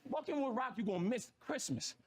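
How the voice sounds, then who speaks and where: A man hosting a livestream, reacting to a rap battle by rapping along with the bars and breaking into loud outbursts. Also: very high-pitched, animated, a little fast. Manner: repeats lines with loud outbursts. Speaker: livestream host. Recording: loud crowd noise behind.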